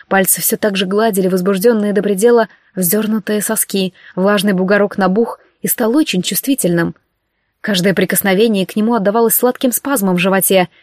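A woman's voice: mid-range voice, a little mellow, no echo. A woman narrating an audiobook in a sensual, intimate reading style, close to the mic.

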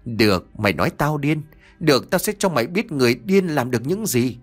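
A man's voice: mid-range voice, big pitch swings, fairly quick, faint music behind. A man reading a storybook voices an unhinged, jealous young man who rants and hurls accusations. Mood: menacing. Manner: shouting accusations, ranting.

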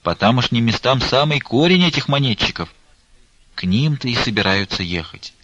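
A man's voice: mid-range voice, expressive, moderate pace, a bit bright, breathy edge, no room sound, voice pushed up. A man voicing a humble, anxious old nun who speaks meekly and laments, on a dull lo-fi recording. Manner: meek, fussy and lamenting.

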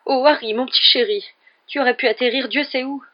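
A woman's voice: high voice, fairly even intonation, a little fast, dull audio, voice pushed up. A woman voicing a fussing, worried witch mother in an audiobook reading. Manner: fussing, warning.

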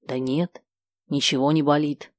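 A bewildered elderly shop appraiser, read by a woman narrator in an audiobook. He talks quietly and in a puzzled way, in a low, dry voice. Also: flat delivery, a little slow, no echo.

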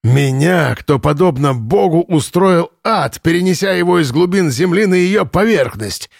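A man reading the part of a drunk, raging male Nazi camp commandant in an audiobook, shouting and ranting in a bullying, unhinged way. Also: sing-song, very slow, vocal fry, dry recording, studio quality, exaggerated voice. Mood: grandiose. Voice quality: shrill, furious shouting.

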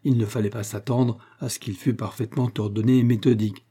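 A man narrating a classic novel as an audiobook, reading in a measured, even way. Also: medium pitch, breathy edge.

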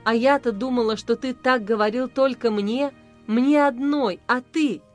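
A woman's voice: fairly high pitch, lively intonation, unhurried, soft background music. A hurt, firm young mother, read by a woman. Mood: sorrowful. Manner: cool, firm, sorrowful.

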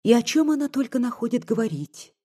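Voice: medium pitch, sing-song, brisk, dark tone, breathy edge, voice pushed up. A reader voicing a tearful, devoted young peasant woman. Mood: teasing. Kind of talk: audiobook dialogue reading.

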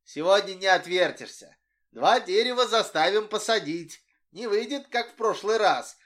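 A bustling, bossy schoolboy bursts out his words in a high, bouncing voice, as a man reading the book puts him on. He shouts and boasts breathlessly, full of his own importance, in a storybook reading. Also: expressive, moderate pace. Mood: excited.

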